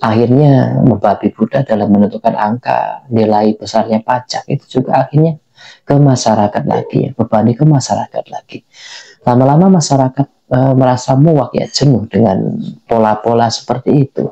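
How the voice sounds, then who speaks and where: A man giving unscripted political commentary in a halting way, repeating phrases for emphasis. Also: mid-range voice, gravelly, mellow, muffled recording. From Indonesia. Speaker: commentator giving personal opinion.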